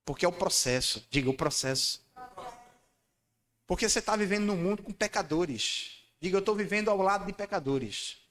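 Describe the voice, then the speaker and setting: Emphatic preacher in a church hall. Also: male voice, lively intonation, normal speed. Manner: emphatic, calls for congregation responses; swings between loud high declarations and low quiet lines. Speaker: pastor. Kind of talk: sermon. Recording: long church hall reverb.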